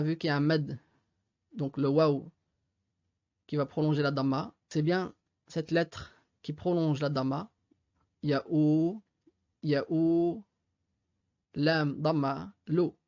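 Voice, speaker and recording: A man's voice: fairly high pitch, darkish tone, lo-fi sound. A male teacher giving a reading lesson, patiently spelling out sounds letter by letter. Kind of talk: slow step-by-step reading lesson. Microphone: desktop USB mic.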